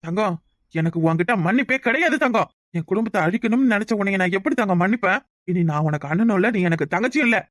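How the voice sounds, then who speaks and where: A woman's voice: medium pitch, animated, quick pace, dry recording, studio quality, close to an everyday voice. A woman voicing a stern older brother in a cartoon, reproving with a Tirunelveli Tamil accent.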